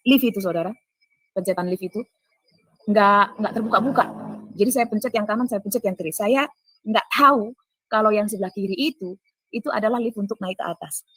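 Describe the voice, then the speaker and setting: A woman with a husky, breathy voice recounts events in an earnest spoken testimony, turning to her listeners again and again. Her speech sits at a middling pitch, and the dry, close sound of her voice carries no room around it. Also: a little fast, pauses often, fairly bright tone, no room sound, rough recording. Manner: earnest, addresses listeners as "Saudara", acts out quoted dialogue. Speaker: testifying speaker.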